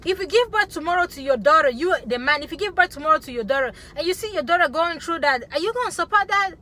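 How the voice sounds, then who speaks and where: A woman's voice: very high-pitched, animated, fast talker, pushed and bright. A woman from Africa talking passionately to camera, emphatic and punctuating her points with "okay?". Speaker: vlogger. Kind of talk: opinionated talk to camera.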